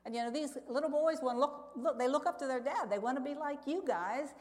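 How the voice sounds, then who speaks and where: Speaking briskly in a high, slightly mellow voice, a woman gives a missionary's church testimony that feels sincere and conversational. She shares stories and asks her listeners questions, and the hall she's in echoes with a long reverb tail.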